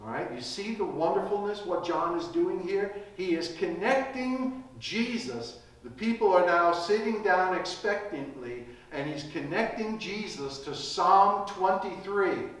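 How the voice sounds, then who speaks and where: Slow, echoey male preacher. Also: high-pitched, lively intonation. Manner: conversational, keeps asking "right?". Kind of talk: sermon. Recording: echoey room, mic at a distance.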